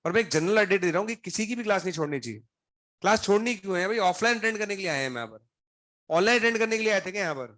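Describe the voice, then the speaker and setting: A man's voice: sits high, expressive, racing, a bit bright, dry recording. A male coaching teacher scolding his students in class, stern and sarcastic, grilling them one by one while running a fever. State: feverish, throat unwell.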